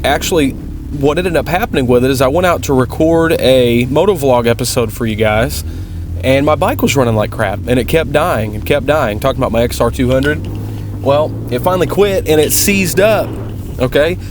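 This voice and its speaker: A man with a mid-pitched voice narrates a motovlog in a casual, conversational way. He is plain-spoken and tends to ramble as he comments on race footage. Clear vehicle noise runs behind his voice. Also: lively intonation, moderate pace. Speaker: motovlogger and amateur dirt bike racer.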